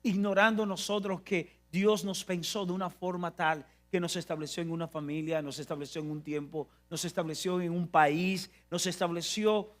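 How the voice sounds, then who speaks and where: High-voiced man preaching emphatically. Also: fairly even intonation, moderate pace, few pauses, faint music behind. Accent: Dominican Spanish. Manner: emphatic and repetitive, with frequent restarts. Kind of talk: sermon.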